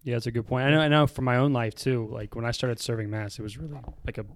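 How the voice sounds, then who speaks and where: Casting: fast-talking man, casual, personal, dry close sound. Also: medium pitch, fairly even intonation, no room sound. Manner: quick, reflective, personal. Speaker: panel guest. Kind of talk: casual chat.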